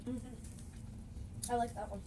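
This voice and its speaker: A woman's voice: a little high, steady tone, takes it slowly, dark tone, a little hiss or hum, poor audio. A woman chatting casually in a snack taste-test video, talking while chewing with her mouth full. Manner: chatty, reacts with laughs between bites. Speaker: vlogger. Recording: wrapper crinkling and clicks behind.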